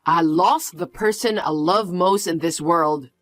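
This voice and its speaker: A woman's voice: lowish voice, unhurried, no echo, soft background music, pitched below the performer's own voice, natural voice. A woman voicing a frantic guilt-tripping mother. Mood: anxious, pushy. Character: anxious pushy middle-aged mother. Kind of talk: dramatized story narration.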